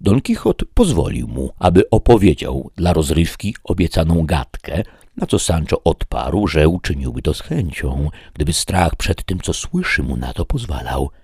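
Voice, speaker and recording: A man calmly reading a classic novel aloud as narrator. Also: a bass voice, normal speed, slightly rough, no room sound. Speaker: audiobook reader. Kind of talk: scripted narration.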